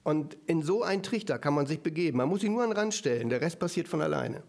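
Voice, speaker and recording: Ein Mann predigt mit auffallend hoher Stimme lebhaft und im Plauderton. Er wendet sich immer wieder mit kurzen Rückfragen ans Publikum. Dabei wechselt er zwischen schnellem Reden und langsamer Betonung. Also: male voice, fairly high pitch, fast, creaky. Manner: lively, conversational, with frequent asides to the audience. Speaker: preacher. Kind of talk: sermon.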